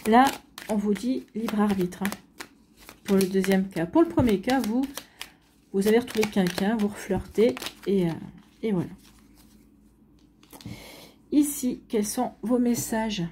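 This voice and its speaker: A woman's voice: mid-range voice, a little slow, long pauses, warm tone, slight background noise. A woman doing a tarot reading for her viewers, talking straight to them with many fillers and restarts. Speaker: tarot card reader. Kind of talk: spontaneous tarot reading to camera.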